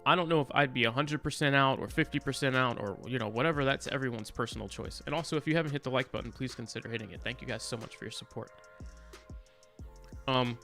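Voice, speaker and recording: A man's voice: mid-range voice, fast, bright, forceful tone. A man hosting a casual live market stream, talking informally and directly to his viewers. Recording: music playing behind the voice. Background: background music.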